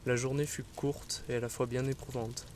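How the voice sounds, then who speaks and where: A man narrates a fantasy adventure in a measured, solemn way. His medium-pitched voice stays very even throughout. Faint ambient noise runs behind him. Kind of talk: scripted second-person fantasy narration.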